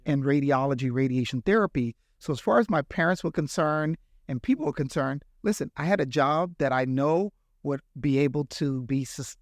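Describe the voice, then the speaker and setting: A man's voice: a little high, moderate pace, hardly any pauses, no echo, studio quality. A middle-aged man from the Bahamas, a healthcare executive, answering interview questions with earnest, reflective storytelling. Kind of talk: interview conversation.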